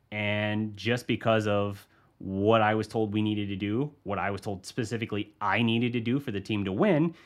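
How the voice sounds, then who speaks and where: A man hosting a sports podcast, talking through his views casually and thinking aloud, with frequent restarts. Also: fairly low pitch. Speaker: podcast host, sports journalist. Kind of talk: solo sports podcast commentary.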